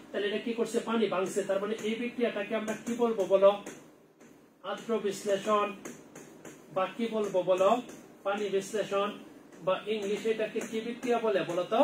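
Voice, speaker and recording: Fast, high-voiced teacher quizzing himself. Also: male voice, a little hiss or hum. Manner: quizzing students and answering his own questions. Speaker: chemistry teacher. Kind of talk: online exam-prep class. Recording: roomy, distant mic with faint ambience.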